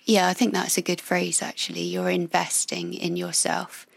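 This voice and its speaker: Female podcast co-host, gravelly and fairly low, casual and reflective, very dry sound. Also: completely flat delivery, moderate pace, dry recording.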